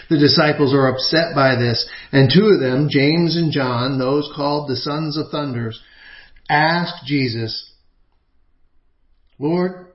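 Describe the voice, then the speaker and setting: A male preacher delivers a sermon in a mid-pitched voice. His phrasing is measured and emphatic, set off by deliberate pauses. The sound is strongly roomy and a little dull. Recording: echoey room, slightly dull sound.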